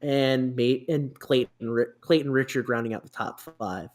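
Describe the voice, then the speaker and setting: A man's voice: mid-range voice, fairly even intonation, moderate pace. Rambling man on a casual podcast. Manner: rambling, stumbling restarts and fillers. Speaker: podcast host. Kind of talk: casual sports podcast chat.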